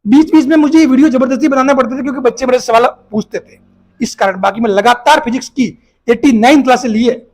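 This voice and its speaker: A man's voice: very high-pitched, fast. A man teaching online, talking to exam students in a casual, emphatic way and often repeating his points. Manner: emphatic, repeats points, asks "बात clear?".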